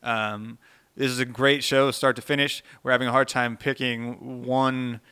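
Male podcast co-host, bright and crisp, dry close mic, rambling casual delivery. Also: medium pitch, flat delivery, unhurried, no echo. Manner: loose, rambling, lots of fillers.

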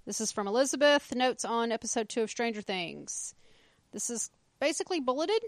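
A woman's voice: on the high side, animated, normal speed, no room sound. A woman with a Southern US accent co-hosting a casual podcast, reading listener notes aloud with wry, profane asides. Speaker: podcast host.

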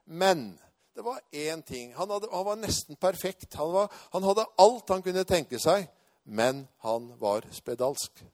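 A male preacher telling a personal testimony in a sermon, storytelling and rising to loud proclamation. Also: sits high, animated, no room sound, studio quality.

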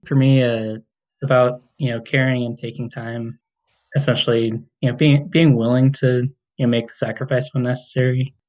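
Male podcast guest, medium pitch, casual and meandering delivery. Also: level tone, moderate pace, a little mellow, lo-fi sound. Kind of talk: casual chat.

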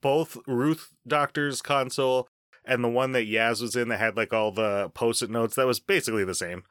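A man's voice: medium pitch, fairly even intonation, moderate pace, a bit bright, clear, resonant tone, dry recording, studio quality. A man co-hosting a podcast, chatting casually, joking and laughing often. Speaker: podcast co-host. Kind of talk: casual chat.

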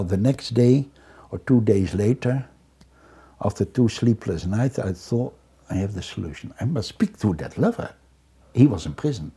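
Deep dark-voiced older man recounting stories. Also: husky. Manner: reflective, halting with restarts. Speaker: storyteller.

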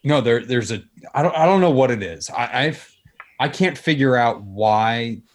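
A man's voice: medium pitch, animated, moderate pace. A man in casual conversation, telling things in an informal, anecdotal way. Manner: acts out quoted dialogue when telling stories.

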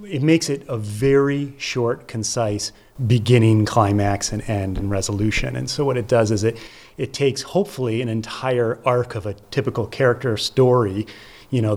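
An American man with a lowish, somewhat dark voice is interviewed as a theater festival producer and curator. He answers conversationally and explains things, driving his points home with short repeated phrases.

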